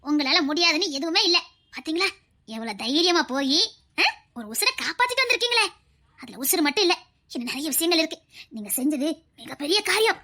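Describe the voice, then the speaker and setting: A woman's voice: very high-pitched, very animated, brisk, pushed and bright, exaggerated voice. A woman playing a proud, loving elderly grandmother who speaks with a Tirunelveli Tamil accent in a comedy skit, sentimental and preachy. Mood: praising.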